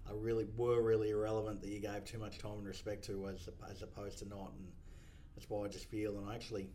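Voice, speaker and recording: A man's voice: on the low side, level tone, fast talker, mellow, a little hiss or hum. A man, a dealership boss, chatting reflectively on a podcast with lots of ums and restarts. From Australia. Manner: reflective, many fillers and restarts. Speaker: podcast guest, car dealership principal. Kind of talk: casual podcast chat.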